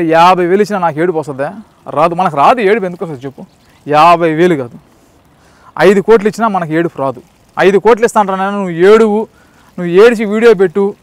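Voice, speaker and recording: A man delivers a preachy monologue to camera, circling back to the same points and throwing out rhetorical questions. His voice sits high, and the close, dry recording has almost no room sound. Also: dry recording. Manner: repetitive, lecturing, rhetorical questions. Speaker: channel host. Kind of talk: casual talking-to-camera monologue.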